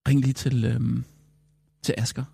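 A male radio host caught up in a comedy bit, answering with quick disbelieving questions. His voice sits at an ordinary middle pitch and sounds dry and close on a studio mic. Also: flat delivery, creaky, warm tone, slightly rough, no room sound. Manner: incredulous, firing short questions. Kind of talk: comic radio chat.

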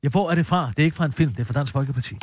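A man's voice: a little high, no room sound, close to an everyday voice. A man playing a sardonic, pushy woman political journalist in a satirical radio sketch, full of sarcasm. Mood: sarcastic. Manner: sarcastic, pushy, lively intonation.

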